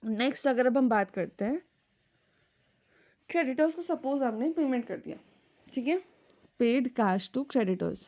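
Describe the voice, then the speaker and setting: Lady teacher doing an accounts lecture online, bit high voice, keeps asking clear?. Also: lively intonation, normal speed, long pauses, a little mellow. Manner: explains step by step, often checks with "clear?" and "ठीक है"; mixes English terms into Hindi speech.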